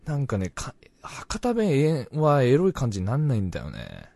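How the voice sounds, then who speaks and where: Young man, Hakata accent, casual co-host chat, voice leaps all over in pitch, loud bursts dropping to mumbles. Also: moderate pace, gravelly, no echo. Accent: Hakata dialect. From Fukuoka, Japan. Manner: animated, swings between loud bursts and mumbled asides.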